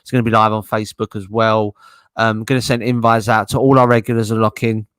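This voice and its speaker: A man's voice: on the low side, level tone, fast talker, a bit bright, smooth, no room sound. A man hosting a casual podcast chat, laughing often as he rambles. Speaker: podcast host.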